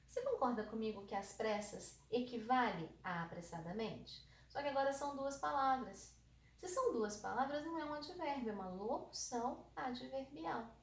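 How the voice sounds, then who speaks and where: A woman with a São Paulo countryside Brazilian accent teaching an online grammar lesson, lively and emphatic, often checking with her students. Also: fairly high pitch. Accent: São Paulo countryside Brazilian Portuguese. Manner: lively, emphatic, asks the class checking questions. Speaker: Portuguese teacher.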